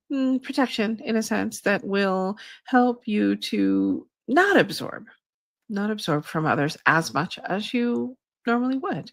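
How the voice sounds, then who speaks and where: A woman channeling a gentle female spirit guide, speaking slowly and soothingly as she leads an energy clearing. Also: mid-range voice, dry recording, studio quality, pitched above the performer's own voice. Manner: slow, soothing, measured delivery.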